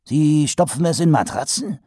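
A man voicing a brusque, clipped male city ruler, in a raised, high voice. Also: moderate pace, mellow, husky, no room sound, clean studio sound. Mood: indignant. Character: Lord Vetinari, brusque middle-aged male city ruler.

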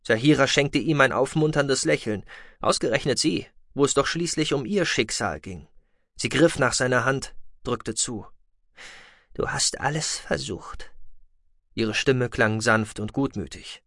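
A male audiobook narrator reads a science-fiction book in a steady, measured storytelling style. His mid-range voice is captured in clean studio sound with no room sound, as scripted narration.

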